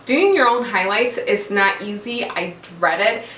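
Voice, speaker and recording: A woman's voice: medium pitch, expressive, measured pace, a bit bright. A woman giving a casual, chatty, self-deprecating tutorial as a vlogger, informal and talking straight to the camera. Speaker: hair vlogger. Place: echoey cramped room indoors, standing. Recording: very echoey small room, far mic, faint noise.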